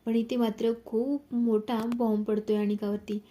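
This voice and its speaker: Woman storyteller recapping a serial episode, slightly high voice, mellow and fairly flat. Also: normal speed. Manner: dramatic storytelling, addresses the audience. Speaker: narrator.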